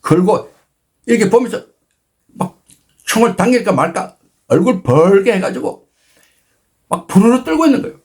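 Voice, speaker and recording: A man in his sixties hosting his own channel, retelling a personal story with dramatic emphasis and sudden jumps in pitch. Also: lively intonation, moderate pace, long pauses, a little mellow, breathy edge. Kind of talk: animated storytelling talk.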